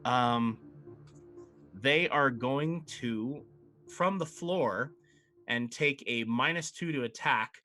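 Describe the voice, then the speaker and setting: A man's voice: mid-range voice, pushed and bright. Male game master with music behind. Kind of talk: tabletop game narration and rules explanation.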